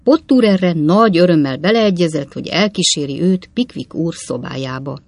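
A woman narrating a classic novel as an audiobook in a measured, expressive storytelling manner, with a husky voice. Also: on the low side.

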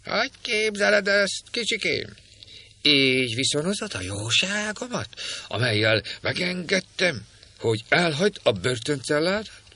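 A man's voice: on the high side, very animated, pushed and bright, voice pushed up, full character voice. A man voicing a cackling old woman jailer with a screeching voice, read as part of an audiobook. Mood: mocking.

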